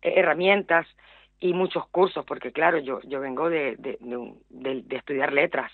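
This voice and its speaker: Speaking deeply at a normal speed with some vocal fry, this middle-aged Venezuelan-accented woman is a small business owner guesting on a radio interview. She hesitates a lot, leaning on fillers and repeated words. There's no room sound; the audio comes through a dry, tinny phone line.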